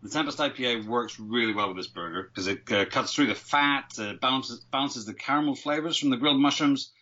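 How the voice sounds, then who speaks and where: A man's voice: medium pitch, brisk, sharp tone, muffled recording. A man from Northern Ireland, a brewmaster, explaining his beer and food in a friendly, matter-of-fact way. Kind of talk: casual chat.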